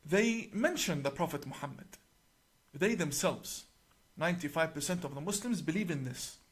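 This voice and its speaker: Emphatic man, slightly high voice. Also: animated, breathy edge. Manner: deliberate, emphatic, citing page by page. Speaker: religious cleric. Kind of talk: explanatory talk to camera.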